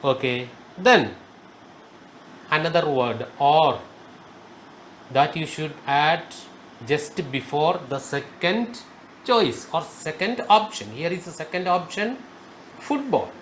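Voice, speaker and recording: Slow, high-voiced man teaching grammar. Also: animated, a bit bright, slight background noise. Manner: slow, emphatic, repeats key words. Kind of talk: spoken grammar lesson.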